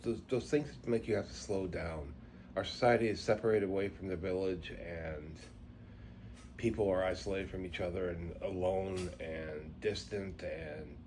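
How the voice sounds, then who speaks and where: A middle-aged man talking reflectively and unscripted to viewers, his articulation slurred by missing teeth and a speech impediment, rambling with halting pauses. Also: deep voice, a little mellow, a little hiss or hum. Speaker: vlogger introducing a channel.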